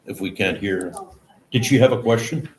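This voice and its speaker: A man's voice: on the low side, moderate pace, a little hiss or hum, poor audio. A Canadian man with a cold, chairing a public meeting in brief, plain-spoken turns. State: has a cold.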